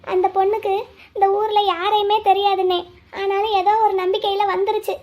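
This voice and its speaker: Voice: very high-pitched, flat delivery, a little fast, a little mellow. A performer voicing a wary young village woman who talks to herself and coaxes others in a cartoon. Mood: coaxing. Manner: talks to herself, pleading and coaxing. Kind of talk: cartoon voice acting, inner monologue and dialogue.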